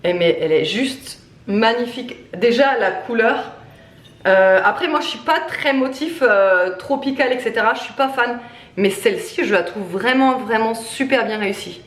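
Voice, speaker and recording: A woman's voice: fairly high pitch, reverberant. A woman in her thirties from France, a family vlogger chatting at home to camera, full of hesitant fillers and worn out. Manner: chatty, lots of hesitant "euh" fillers, says she is tired. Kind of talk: casual chat to camera, product presentation. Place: at home, indoor room.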